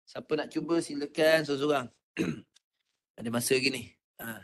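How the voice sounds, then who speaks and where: Patient Malaysian ustaz coaching recitation. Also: male voice, medium pitch, a bit bright, slight background noise. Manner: patient, coaching, demonstrates sounds slowly. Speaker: Quran recitation teacher. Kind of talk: online class teaching.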